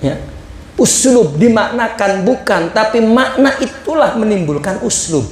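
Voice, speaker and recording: An Indonesian-accented man gives a religious lesson, reading out a line of the text and then explaining it plainly. His voice sits fairly high and moves at an unhurried pace. The recording carries the echo of the room. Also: expressive.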